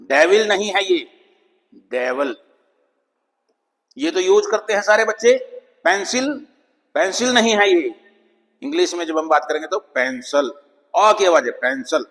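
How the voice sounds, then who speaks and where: A man with a fairly high voice gives a patient pronunciation lesson. He explains each sound, then says the model words slowly in a lower voice. His voice carries a long reverb, as if in a hard, echoing room. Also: a bit bright. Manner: patient, repeats example words slowly, drops pitch on model words. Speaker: English pronunciation teacher.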